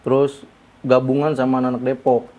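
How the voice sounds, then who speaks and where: A man from Bogor, a guest in a casual interview, recounting events haltingly with many fillers. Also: medium pitch, little pitch movement, mellow. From Bogor, Indonesia.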